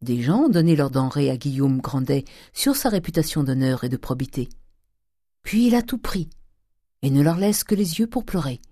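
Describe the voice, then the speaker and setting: A woman reads a curt, miserly old father who lectures and scolds his family with dismissive impatience. The voice stays low and mellow, with a close, dry sound. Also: very animated, normal speed, no room sound. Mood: stern. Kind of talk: audiobook character reading.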